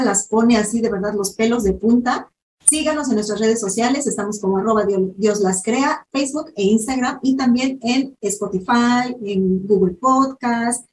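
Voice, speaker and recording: A high-pitched woman with a Mexican accent hosts a chatty podcast, acting out other people's lines as she tells stories. The room is echoey, with a faint hiss underneath. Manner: animated storyteller, acts out quotes. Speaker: podcast host. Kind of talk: casual chat.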